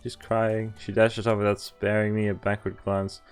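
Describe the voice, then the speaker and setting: With a fairly low pitch and a completely flat delivery, a man reads a visual novel's text aloud at a moderate pace while streaming. He reacts between lines with laughter and casual, mildly sweary remarks, and music sits behind his voice.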